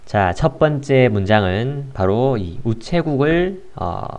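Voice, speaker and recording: A man teaching an English lesson in a casual explanatory way, unhurried and pausing often with filler sounds. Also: medium pitch, animated, darkish tone, lo-fi sound.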